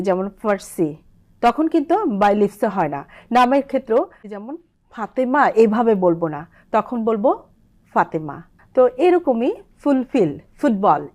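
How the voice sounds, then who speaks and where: A woman's voice: fairly high pitch, darkish tone. A woman, a language expert explaining pronunciation on a TV program. She drags sounds out in spoken word examples and recites lines of verse.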